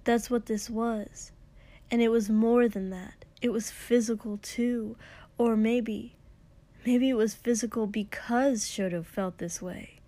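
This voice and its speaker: A woman narrating an intimate story in a slow, hushed, breathy way, sometimes dropping into a whisper. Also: a little high, steady tone, no echo. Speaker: audiobook reader. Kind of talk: intimate fan fiction reading.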